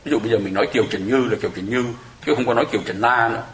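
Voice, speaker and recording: Fast-talking male teacher. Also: mid-range voice, a little hiss or hum. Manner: chatty, explanatory, with small laughs. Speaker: Buddhist dharma teacher. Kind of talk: sutra lecture to a congregation. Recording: echoey room.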